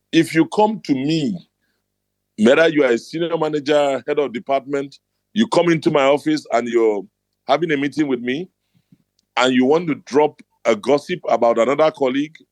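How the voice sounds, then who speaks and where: A man's voice: medium pitch, moderate pace, darkish tone, no room sound. A middle-aged man with a Nigerian accent, hosting a motivational talk and telling his stories bluntly and emphatically. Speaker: host.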